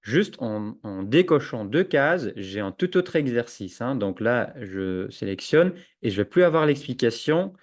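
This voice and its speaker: A man giving a screen-share software tutorial to teachers, hesitant with many fillers and restarts, on a computer microphone. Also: medium pitch, very animated, unhurried, few pauses. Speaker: educational software trainer. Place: at a computer, webinar with chat. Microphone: own computer microphone with noise suppression.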